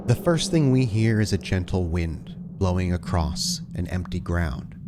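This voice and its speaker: Casual podcast chat, followed by unhurried narration of a role-playing-game scene, comes from a man with a deep, expressive voice acting as host and game storyteller. His delivery is informal, and there is background noise.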